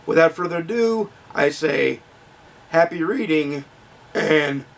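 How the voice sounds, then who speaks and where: A man talks through a book review in a loose, frank way, pausing on ums and restarting his sentences. His slightly higher voice carries a gravelly fry and is starting to crack. He sits a little back from the microphone. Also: expressive, recorded from a distance.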